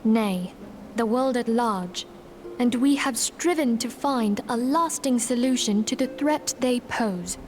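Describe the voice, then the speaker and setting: A solemn leader of an order. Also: female voice, on the high side. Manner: formal, measured, archaic phrasing. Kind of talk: game voice acting.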